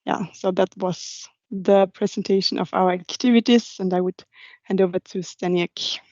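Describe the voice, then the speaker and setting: Over an online video meeting, a young woman gives an informal slide presentation to a young engineers' group. Her medium-pitched voice is steady and a little mellow, and her English comes out halting, with non-native phrasing. The call audio is dull and slightly muffled, without echo.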